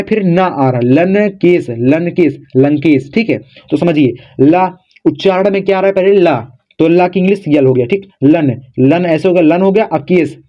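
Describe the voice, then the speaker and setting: A man teaching viewers how to spell words, who spells letters out slowly and keeps checking in with "okay". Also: fairly high pitch. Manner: repeats "theek hai" often, spells letters out slowly. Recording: dull lo-fi sound.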